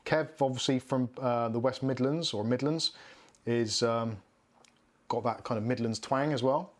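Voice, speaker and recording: Reading out and responding to viewer comments, a chatty man in his thirties runs a casual live Q&A from his home studio, a room with shelves and neon signs. He has a Bristolian accent from southwest England and a medium-pitched voice at a moderate pace.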